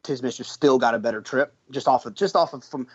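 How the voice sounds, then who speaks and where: A man co-hosting a horse racing podcast, telling a story with energy and lots of quick restarts. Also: mid-range voice, breathy edge, muffled recording. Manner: animated storyteller with frequent restarts. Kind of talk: casual podcast chat.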